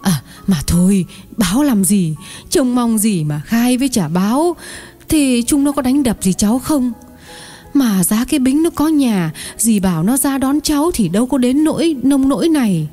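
A man's voice: extremely high pitch, lively intonation, normal speed, mellow, faint music behind, voice pushed up. A man voicing a fussy, talkative elderly aunt in an audiobook, exclaiming and clucking with sympathy. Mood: sympathetic. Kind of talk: audiobook narration.

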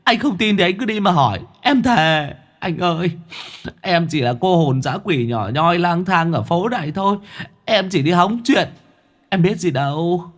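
Brief: male storyteller as a timid little wandering ghost girl, high, pleading, storybook horror. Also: animated, unhurried. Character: small meek wandering female ghost.

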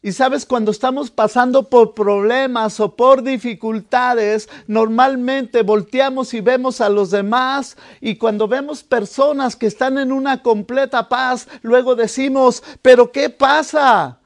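A man with a high voice preaches in a slow, drawn-out delivery. He tells the story with drama, dropping to a hush and then rising to a shout as he acts out the voices. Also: steady tone. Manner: dramatic, acting out the disciples' voices; swings from hushed to shouted. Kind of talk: sermon.

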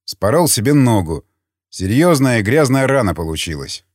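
A man voicing a calm, commanding seasoned scavenger who speaks tersely and bluntly. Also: mid-range voice, normal speed, no room sound, clean studio sound. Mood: stern. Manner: terse, blunt, matter-of-fact.

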